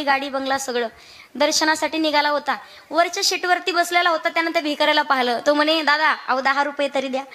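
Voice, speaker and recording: Bright high-voiced woman kirtan preacher. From Maharashtra, India. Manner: questions the audience and sings verses slowly. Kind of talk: devotional kirtan sermon with sung verses.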